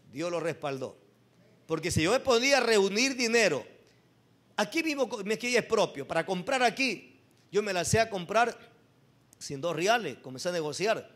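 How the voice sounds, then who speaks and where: A man's voice: high voice, a bit bright. An older man, a pastor preaching a sermon and telling his own story, asking the congregation questions. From Ecuador.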